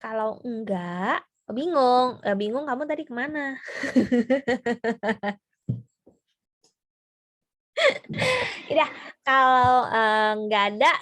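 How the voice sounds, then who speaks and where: A woman's voice: high voice, fairly bright tone. A woman giving a casual seminar talk on personality types, chatty and full of fillers and tag questions. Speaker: trainer.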